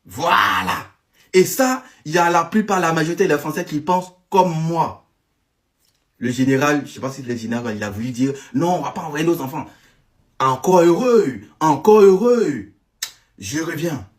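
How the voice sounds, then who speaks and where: Animated man commentating, slightly high voice. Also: a little fast. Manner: animated, stammering, repeats himself. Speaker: online commentator. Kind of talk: casual commentary video.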